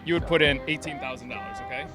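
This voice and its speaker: A man in his thirties hosting a street interview outdoors on a city street, asking quick questions and running through numbers in an upbeat way. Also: on the high side, music in the background. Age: 30s.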